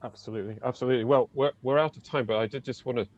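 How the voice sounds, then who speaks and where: A man moderating a panel discussion over a video call, speaking in a measured, hesitant way with fillers. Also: medium pitch, fairly even intonation, darkish tone, muffled recording.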